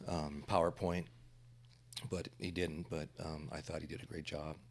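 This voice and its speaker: A man, a defense trial lawyer, talking on a podcast panel in a halting way with many fillers. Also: a bass voice, level tone.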